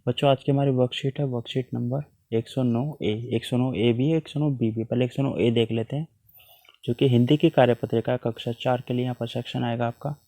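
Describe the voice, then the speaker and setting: A man's voice: mid-range voice, steady tone, a little fast, mellow, no echo, clean studio sound. A man teaching a worksheet lesson to children, patiently explaining with repeated examples.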